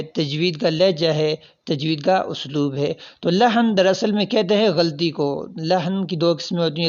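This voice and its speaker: A man with a fairly high voice works through past exam questions, reading out every option before he explains the right answer. His explanations are patient and step by step. The recording sounds dull and lo-fi. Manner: reads out options, then explains each answer. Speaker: teacher.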